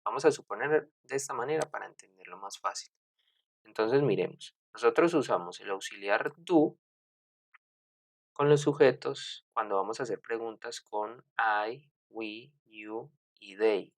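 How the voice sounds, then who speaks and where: A man with a low, gravelly voice teaches a grammar lesson. He is recorded close and dry, with no room sound. He explains slowly, repeats himself and often checks that the class is following. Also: no room sound. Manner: deliberate, repeats points and checks with "¿cierto?"; frequent fillers and self-corrections. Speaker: English teacher.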